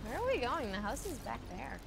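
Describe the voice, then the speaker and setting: A woman's voice: fairly high pitch, sing-song, brisk, gravelly, background noise. A young woman playing a snarky, skeptical traveler in film dialogue. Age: young adult.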